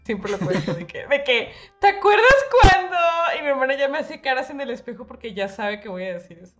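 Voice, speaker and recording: Animated young Mexican woman telling a story. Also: sits high, a little fast, soft background music. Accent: Mexican Spanish. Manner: animated storytelling with slang and English mixed in. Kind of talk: casual chat.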